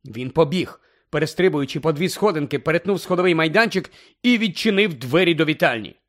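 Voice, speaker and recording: A man narrating a fantasy audiobook in an expressive, dramatic reading style. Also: on the high side, brisk. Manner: dramatic, shifting tone with the story.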